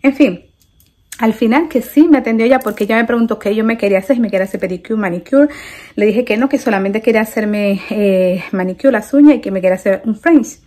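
A woman's voice: a little high, quick pace, dark tone. A young woman with a Dominican Spanish accent, telling a story in a chatty vlog and repeating phrases for emphasis. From Dominican Republic. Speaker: vlogger.

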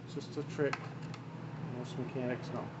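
Off camera, a man who fixes small engines walks through a repair in his noisy shop while working, his tone casual. His medium-pitched voice is flat and moderately paced, and the camera mic captures lo-fi sound with the engine running and workshop clatter behind him.

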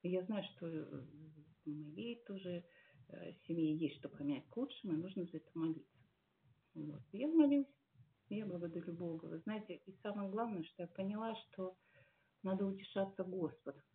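Earnest gravelly woman on a tinny line. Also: fairly low pitch, slight background noise. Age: 40s. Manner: earnest, musing, many fillers and pauses. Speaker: church member giving testimony. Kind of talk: personal testimony at a service. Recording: tinny phone-like sound.

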